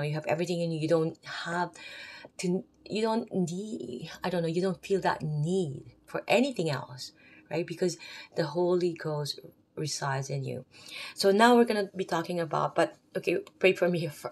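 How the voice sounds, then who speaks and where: A woman with a Filipino accent and a somewhat low, slightly mellow voice talks to camera at a moderate pace. As a faith vlogger, she gives her viewers an unscripted, rambling religious talk full of chatty asides.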